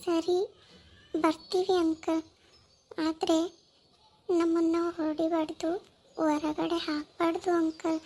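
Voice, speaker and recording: A woman voicing a gentle, cautious orphaned little girl in a cartoon, speaking slowly and softly. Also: very high voice, little pitch movement, slight background noise, heavily acted. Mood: wary. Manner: slow, soft and pleading. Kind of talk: cartoon voice acting.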